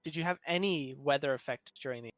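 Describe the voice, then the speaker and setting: A man's voice: a little high, fast talker, fairly bright tone, dry recording. A man chatting casually and joking with teammates over voice chat during an online game raid. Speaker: raid player. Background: game music.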